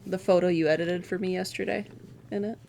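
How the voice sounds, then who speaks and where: A woman's voice: fairly low pitch, fairly even intonation, brisk, vocal fry, darkish tone, slight background noise. Woman chatting casually on a livestream. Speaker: livestream co-host. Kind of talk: casual chat.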